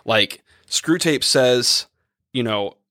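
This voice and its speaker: A man's voice: mid-range voice, lively intonation, slow, sharp tone, no echo, studio quality. A young man who is a priest, talking casually and thinking aloud while losing his voice after a long day. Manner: rambling, thinking aloud with many fillers. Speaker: priest and podcast co-host. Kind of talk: casual chat, reading letters aloud.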